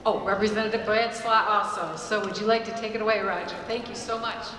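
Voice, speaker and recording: A woman's voice: medium pitch, fairly even intonation, brisk. A woman presenting at a public ceremony in an informal announcing style. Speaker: event presenter. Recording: echoey reverberant space, crowd behind.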